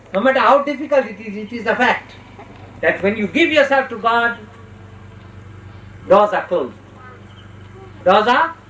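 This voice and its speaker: A spiritual teacher giving a religious discourse with parables, speaking instructively and slowly in short phrases with deliberate pauses. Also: mid-range voice, fairly bright tone. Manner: instructive, checks listeners' understanding. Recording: roomy, distant mic with faint noise.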